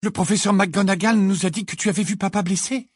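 A man's voice: high-pitched, steady tone, fast talker, husky, dry recording, studio quality, voice pushed up. A man voicing a frightened teenage girl asking anxious questions in an audiobook.

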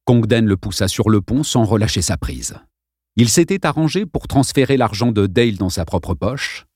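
A man reads a novel aloud with lively, shifting intonation. His voice is at a middle pitch for a man. The recording is dry and close, as in a studio booth. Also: moderate pace, no echo. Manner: lively, expressive reading. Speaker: audiobook narrator. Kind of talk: scripted narration.

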